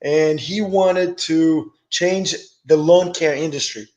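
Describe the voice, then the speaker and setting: A middle-aged man who grew up in Brazil, guest in a casual interview, relaxed and enthusiastic with hesitant restarts. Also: fairly high pitch, slow. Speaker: guest, business owner.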